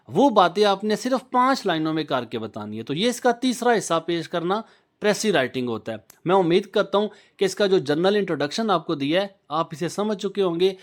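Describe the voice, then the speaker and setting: Earnest high-voiced teacher. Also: male voice. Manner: earnest, reassuring, repeats points step by step. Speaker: English teacher. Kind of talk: exam-prep lesson.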